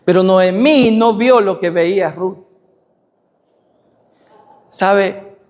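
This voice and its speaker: A man preaching a sermon who asks his congregation rhetorical questions and swings from loud high peaks to soft low endings. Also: drawn-out words. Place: church sanctuary. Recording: long reverb of a church hall.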